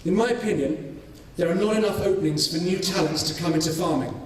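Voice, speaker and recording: A man's voice: high-pitched, far from the mic. Man speaking in an echoey hall. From North Wales. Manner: measured, with frequent ums and restarts. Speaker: farming scholar presenting his study. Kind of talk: conference presentation.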